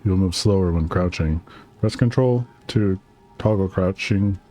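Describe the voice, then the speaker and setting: A man's voice: low voice, a little slow, dark tone, soft background music. A man casually commenting as he plays a game, chatting and reading its text aloud. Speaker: streamer playing a game. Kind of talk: casual let's-play commentary.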